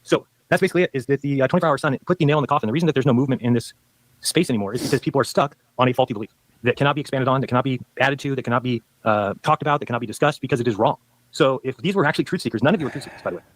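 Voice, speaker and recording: Debater: man, very fast insistent delivery, mid pitch, dry sound. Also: no echo, low-quality recording. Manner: rapid, insistent, lecturing. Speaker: debater in a played debate video. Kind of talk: debate argument.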